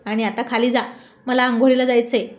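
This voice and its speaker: A woman's voice: a little high, flat delivery, brisk, close to an everyday voice. A woman voicing a cocky teenage boy who teases and brags. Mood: smug. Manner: smug, mocking.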